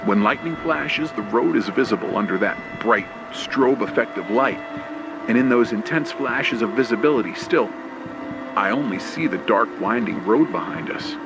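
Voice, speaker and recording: In the style of an old radio play, a man tells a first-person horror story in short, clipped phrases, tense and suspenseful. His mid-range voice moves at a moderate pace over music and loud effects of rain, thunder, storm and a vehicle engine.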